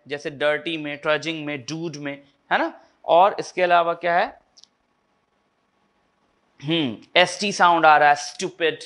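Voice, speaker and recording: A man teaching literature, reading definitions slowly and explaining them in Hindi with frequent check-ins. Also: fairly high pitch, bright, forceful tone. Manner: reads English definitions slowly, then explains quickly in Hindi with frequent "ठीक है?". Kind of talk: Hindi-English classroom explanation.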